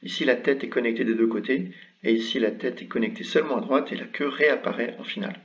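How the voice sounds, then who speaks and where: A man's voice: mid-range voice, quick pace, far from the mic, highs cut off. A man teaching an online language lesson, explaining letters step by step in a patient way with frequent hesitations. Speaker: Arabic script teacher.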